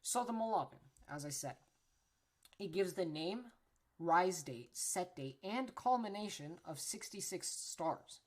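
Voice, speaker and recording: A woman with a fairly low, animated and slightly mellow voice hosts a casual educational podcast at a measured pace. She's chatty and informal, often ending points with "right?", correcting herself, and apologizing for her pronunciation.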